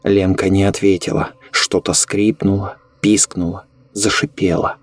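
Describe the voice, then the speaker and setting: A man narrating a horror story in a measured, ominous way. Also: low-pitched, level tone.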